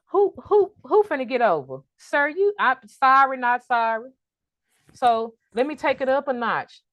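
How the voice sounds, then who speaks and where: A woman giving an online trucking business workshop, lively and preacher-like, calling out to her audience for an amen. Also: mid-range voice, no room sound. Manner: energetic, preacher-like call and response.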